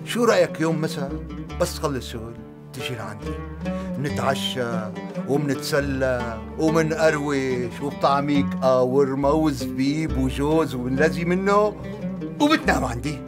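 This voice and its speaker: A man's voice: mid-range voice, normal speed, lightly acted. An actor playing a stingy, scheming Damascene man who wheedles and whines, with a Damascene Arabic accent. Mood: wheedling. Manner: wheedling, whining, muttering prayers in fright. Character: stingy scheming middle-aged Damascene man Abu Najib. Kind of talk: Syrian TV comedy drama. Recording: TV drama audio with music behind.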